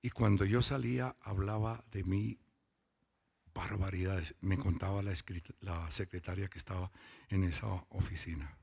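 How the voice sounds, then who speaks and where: Deep, gravelly and husky, with a darkish tone and fairly even intonation, a man delivers a testimony sermon at a church meeting. As a lay preacher he tells stories and lingers on words for emphasis.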